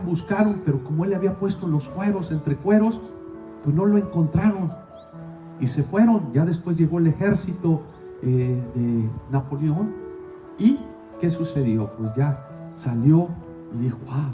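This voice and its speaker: A man's voice: on the high side, a little slow, warm tone, roomy sound, far from the mic, faint music behind. A male priest giving a sermon, telling a story and acting out the quoted voices.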